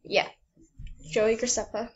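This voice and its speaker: A high-pitched young woman chats slowly and giggles her way through a rambling home vlog, often poking fun at herself. The recording sounds a little muffled, with a faint hiss behind her voice. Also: level tone. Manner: giggly and self-mocking. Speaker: vlogger. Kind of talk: rambling casual vlog chat. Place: at home with a dog nearby.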